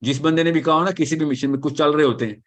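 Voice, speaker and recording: A man leads an animated question-and-answer session. His voice sits slightly high, and he drives points home emphatically, weaving English phrases into his talk. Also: very fast. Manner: emphatic, switches often into English, repeats reassurances. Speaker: lecturer answering audience questions.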